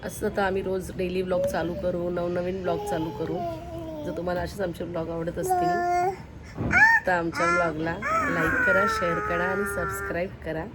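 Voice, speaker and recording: A woman's voice: mid-range voice, very animated, normal speed, very noisy. A young woman filming a casual home vlog as a mother, talking straight to her viewers in a chatty way and asking them for advice. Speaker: mother and family vlogger. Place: at home, indoors.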